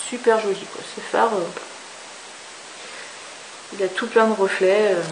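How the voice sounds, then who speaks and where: A beauty vlogger chats enthusiastically through a makeup review, using plenty of fillers and asides. Her voice is mid-range, steady, and unhurried, recorded in an echoey room with faint hiss.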